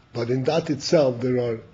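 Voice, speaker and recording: An older man, a rabbi, teaching a Chassidus class, who often repeats words and clears his throat. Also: mid-range voice, darkish tone. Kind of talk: slow, halting Torah class. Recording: dull lo-fi class recording.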